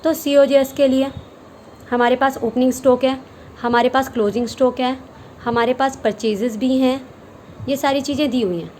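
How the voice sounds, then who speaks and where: Higher-pitched woman teaching accounts. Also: steady tone, normal speed, a little mellow, slight background noise, poor audio. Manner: explains step by step, asks and answers her own questions; mixes English terms into Hindi. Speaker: commerce teacher. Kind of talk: recorded classroom lesson.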